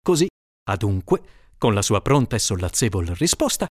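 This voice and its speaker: A man reading an old tale aloud in an expressive, theatrical storytelling manner. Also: fairly low pitch, moderate pace, slightly rough, dry recording, clean studio sound.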